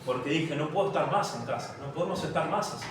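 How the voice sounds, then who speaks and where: A man with a Rioplatense Spanish accent preaching a sermon and telling a personal story, with halting restarts. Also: a little high, slight background noise. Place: large church hall. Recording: very echoey hall, distant mic.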